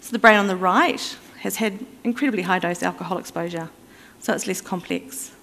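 A woman at a conference explains step by step, conversationally, in a mid-range voice with vocal fry and a slightly bright tone. She occasionally pauses on fillers and restarts. A long reverb from the hall surrounds her, and there's a little hiss or hum.

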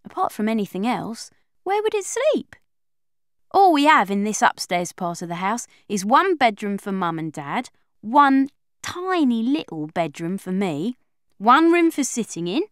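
Speaking a little high, a woman narrates a children's audiobook in the first person as a young girl. She sounds like a lively schoolgirl, chatty and confiding. The recording is dry and studio quality.

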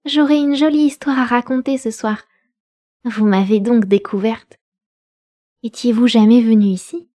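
A woman voicing a spirited, spoiled thirteen-year-old girl with a high, excitable, whiny manner, read in a storybook. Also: moderate pace, long pauses, lightly acted. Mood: gleeful.

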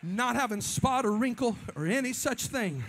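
A man preaching a Pentecostal sermon in a church, swinging between fervent shouts and hushed asides and calling on the congregation for amens. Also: very high voice, expressive, normal speed. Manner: calls on the congregation for amens and responses. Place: church sanctuary before a congregation.

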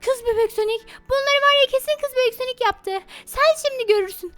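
A woman gaming YouTuber giving excitable, plotting role-play commentary over a game, talking straight to her viewers. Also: extremely high pitch, a little fast, soft background music. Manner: plotting, mock-indignant storytelling.

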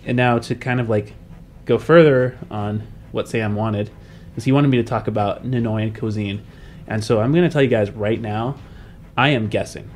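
Background music runs under this podcast, where a game master talks casually about world building, hesitating as he thinks out loud. His voice sits on the low side, with a darkish tone and normal speed.

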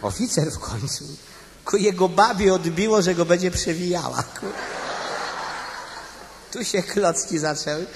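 A man's voice: sits high, expressive, measured pace, long pauses, background noise. Man telling a cabaret monologue on stage. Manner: addresses audience directly, chatty storytelling with tag questions. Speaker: cabaret performer. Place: stage before a live audience. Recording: live stage recording with long hall reverb and music.

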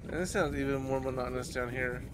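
A man's voice: medium pitch, fairly even intonation, fast talker, noisy background. A man in his thirties giving casual commentary while playing a video game in a small room. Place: small indoor room, on webcam. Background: game music.

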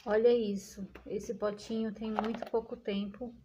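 A woman's voice: on the high side, flat delivery, unhurried, highs cut off, noisy background. A woman with a Brazilian Portuguese accent, chatting casually to viewers in a home vlog filmed on a handheld phone. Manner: chatty, addresses viewers directly. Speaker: vlogger.

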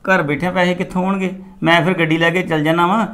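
An actor playing a middle-aged father who speaks gently and patiently. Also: sits high, flat delivery, quick pace, noisy background, natural voice.

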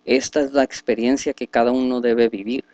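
A man's voice: medium pitch, flat delivery, brisk, a little mellow, no echo, highs cut off. A man leading a Bible study, reading scripture aloud and then explaining it at length with many fillers and restarts. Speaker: religious teacher.

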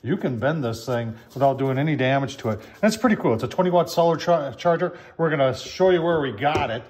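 An older man reviews a product in his home kitchen, chatting casually and folksily, addressing viewers as "folks" with his phone camera close at hand. His medium-pitched voice is animated, fairly quick and a little mellow.

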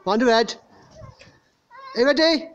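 A woman's voice: on the high side, a little slow, muffled recording. A woman chatting casually as she films, repeating short instructions to children. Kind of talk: casual chat while filming. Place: old mine site, in and out of stone buildings. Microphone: handheld phone camera. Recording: very noisy handheld phone recording.

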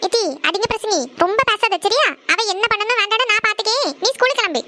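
A woman voicing a scolding village mother of two daughters, loud. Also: very high-pitched, fast. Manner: loud, scolding, rural Tamil speech.

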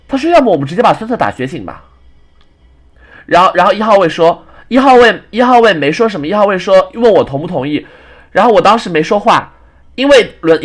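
A young man retelling a frustrating online card game match in a casual, exasperated rant, often restarting his sentences. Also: high-pitched. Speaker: game commentator. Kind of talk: casual gameplay storytelling.

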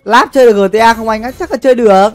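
Talking very fast in an extremely high-pitched voice, a young adult gamer chats on his livestream from an indoor streaming setup, faint music in the background. His commentary is casual, slangy and full of swearing, and he repeats phrases a lot.

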